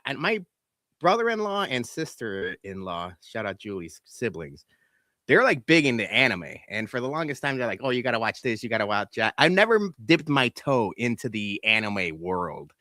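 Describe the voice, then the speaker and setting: A man's voice: medium pitch, big pitch swings, moderate pace, sharp tone, dry recording. A man hosting a podcast, chatting loosely and swearing, with many restarts. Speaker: podcast host. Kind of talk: casual podcast chat.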